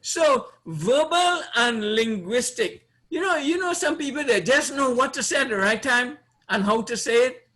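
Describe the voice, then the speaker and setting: Extremely high-pitched and sharp, this expressive male voice moves at normal speed. He's a presenter and trainer from Trinidad, teaching a live audience in an informal, conversational seminar where he repeats phrases and puts questions to listeners in his Trinidadian accent.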